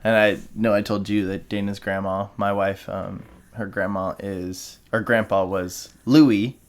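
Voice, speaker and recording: A young man hosting a casual podcast chat, relaxed and rambling, with many fillers. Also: fairly low pitch, measured pace. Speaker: podcast host.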